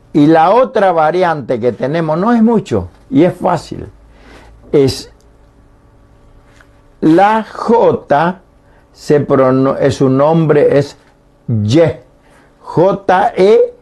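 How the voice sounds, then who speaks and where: Slow, patient radio teacher man. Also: fairly high pitch, a little mellow. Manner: slow, patient explanations, demonstrating sounds aloud. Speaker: Guarani language teacher. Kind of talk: radio language lesson. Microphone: radio studio microphone.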